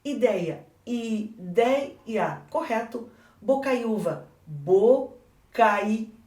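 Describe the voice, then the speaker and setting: A woman's voice: medium pitch, lively intonation, unhurried, darkish tone, far from the mic. Brazilian woman teaching in an echoey room. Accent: Brazilian Portuguese. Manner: didactic, asks and answers her own questions. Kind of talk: exam correction lesson.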